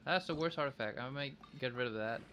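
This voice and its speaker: A man streams gameplay and chats casually, speaking quickly with a sharp tone in a mid-range voice. His thinking-aloud is playful and childish in wording. There's faint noise in the background.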